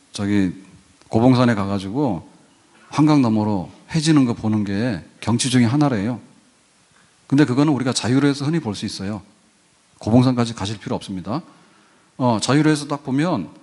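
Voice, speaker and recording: A man's voice: medium pitch, lively intonation, moderate pace, long pauses, darkish tone. An older man preaching a sermon as pastor in a church, folksy and conversational, rising to emphatic peaks. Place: church sanctuary.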